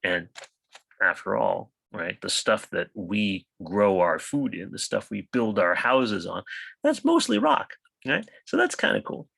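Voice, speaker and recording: A man giving a college science lecture, lively and chatty, often checking in with "right?" and asking his class questions. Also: on the low side, unhurried, gravelly, dry recording, low-quality recording. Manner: animated, rhetorical questions with frequent "right?". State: coughing, hiccups.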